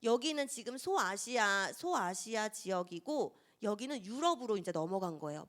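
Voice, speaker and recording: A young woman teaching a Sunday school Bible lesson to children, asking them questions and acting out little scenes. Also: a little high. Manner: lively, asks children questions and acts out scenes.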